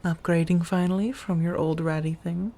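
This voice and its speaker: In an ASMR roleplay as an affectionate vampire roommate, a woman's low, husky, softly breathy voice holds a steady tone while she speaks intimately to one listener. Curious and teasing, she looks after them with gentle ribbing, drawn-out phrasing, and quiet chuckles.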